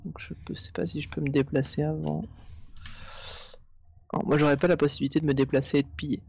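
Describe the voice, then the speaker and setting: A man playing a board game with a friend, talking through his moves in a measured, slightly hesitant way. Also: on the high side, level tone, gravelly, a little mellow, breathy edge. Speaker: co-player. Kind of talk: casual game talk.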